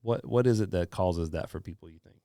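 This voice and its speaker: A middle-aged man co-hosting a podcast in casual chat, relaxed and quick to chuckle. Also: sits low, dry recording, clean studio sound. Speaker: podcast co-host.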